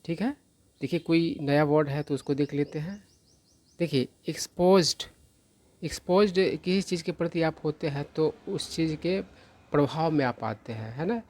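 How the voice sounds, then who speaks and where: Teaching English vocabulary through Hindi, a man with a fairly high, slightly mellow voice explains every word slowly and with patience. He spells out pronunciation carefully and keeps checking comprehension with repeated "ठीक है".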